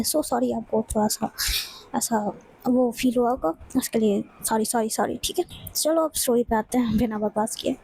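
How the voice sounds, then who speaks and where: A woman's voice: sits high, dark tone, slightly rough, low-quality recording. A woman narrating a romance audiobook, repeating words for dramatic effect and now and then speaking straight to listeners.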